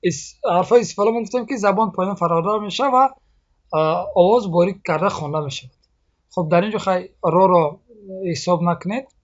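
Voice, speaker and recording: A man with a Tajik accent teaching Quran recitation, drilling example syllables slowly and often asking his students if they see. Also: high-pitched. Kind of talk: explaining a lesson on vowel sounds.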